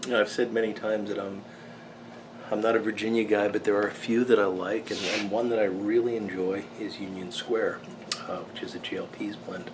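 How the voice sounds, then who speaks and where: An American man in his fifties giving a casual, rambling video review in a halting, unhurried way, recorded in a small workshop. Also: lowish voice, little pitch movement. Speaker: pipe tobacco reviewer. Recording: clearly noisy room background.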